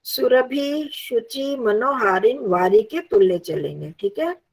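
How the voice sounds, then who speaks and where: A woman's voice: a little high, lively intonation, slow pace, vocal fry. A woman teaching a Sanskrit lesson, patiently reciting and drilling word forms aloud.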